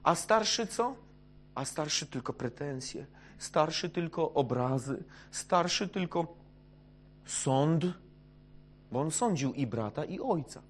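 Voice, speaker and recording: Man, sermon, fairly high voice, hushed to loud, faint hum behind. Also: lively intonation, takes it slowly. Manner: hesitant with many fillers, swings from hushed to loud. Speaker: preacher.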